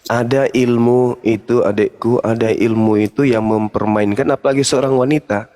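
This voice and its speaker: An older man, hosting a casual chat and giving fatherly, lecturing advice with animated stories. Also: mid-range voice, moderate pace. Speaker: host.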